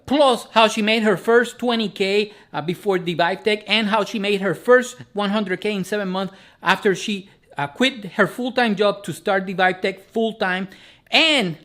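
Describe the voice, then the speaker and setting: A man hosting a casual interview, upbeat in his intro and halting when asking questions. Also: high voice, sharp tone. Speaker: podcast host. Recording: echoey room.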